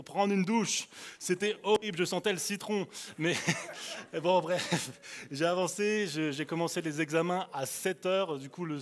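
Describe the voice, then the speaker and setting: A young man with an Alsatian accent, preaching a sermon as a youth preacher. He tells stories animatedly, swinging between loud bursts and hushed asides. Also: fairly high pitch. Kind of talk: storytelling sermon.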